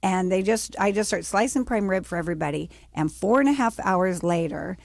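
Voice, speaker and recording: A woman's voice: brisk, gravelly, no echo, studio quality. A middle-aged woman from the United States, a business founder telling her story as an interview guest, acting out the voices of the people she quotes. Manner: animated storyteller, acts out quotes with raised pitch.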